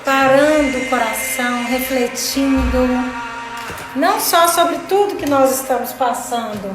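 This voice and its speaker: Chatty high-voiced Brazilian woman, live stream. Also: lively intonation, normal speed. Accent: Brazilian Portuguese. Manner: warm greetings to viewers by name, chatty. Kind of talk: casual live stream chat. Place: home craft studio. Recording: roomy studio with background music.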